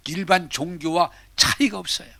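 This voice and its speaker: An older man preaching a sermon as pastor, swinging dramatically between loud declarations and whispers. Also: sits high, moderate pace, creaky, dry recording.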